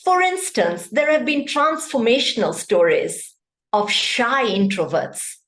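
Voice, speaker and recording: A woman's voice: fairly high pitch, sing-song, a little slow, a bit bright. A woman from Kenya, giving a prepared speech over a video call and often putting questions to her audience. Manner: interactive, poses questions to the audience. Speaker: club speaker. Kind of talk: prepared speech at an online meeting. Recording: echoey room.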